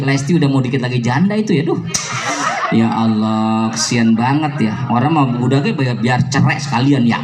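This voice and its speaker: A man, preaching to school students in lively storytelling, acting out dialogue and shouting at high points. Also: slight background noise. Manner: animated storytelling, acts out dialogue, shouts at peaks. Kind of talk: religious talk to school students. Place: school hall. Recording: echoey hall, faint ambience.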